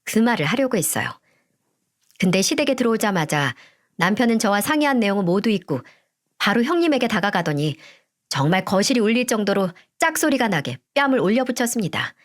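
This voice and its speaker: A woman's voice: mid-range voice, sing-song, a little fast. A woman narrating a first-person family drama story in a dramatic, emotional way.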